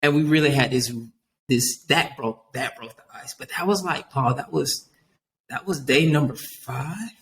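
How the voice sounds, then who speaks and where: A man as a youth worker guest on a podcast, talking in an earnest, animated way and often dropping "man" into his sentences. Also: mid-range voice, normal speed, rough recording. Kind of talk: casual podcast interview.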